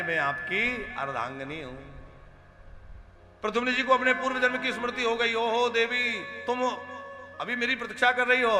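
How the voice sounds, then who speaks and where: A man telling a devotional story as a sermon, chanting Sanskrit verses and acting out the dialogue of the figures himself. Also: high voice. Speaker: kathavachak preacher.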